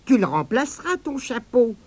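Man doing a soft-spoken little magic spider. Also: extremely high pitch, big pitch swings, moderate pace, breathy edge, pitched above the performer's own voice, exaggerated voice. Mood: gentle.

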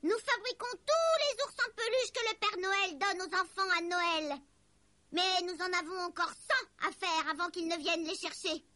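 A woman's voice: very high voice, moderate pace, pushed and bright, pitched above the performer's own voice. A woman doing a grumpy little elf. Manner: cross and snappish, then relieved. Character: grumpy dusty male elf toymaker.

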